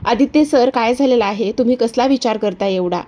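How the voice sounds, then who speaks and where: A woman voicing a gentle young woman asking with soft concern in a retold story. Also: a little high, fairly quick, natural voice.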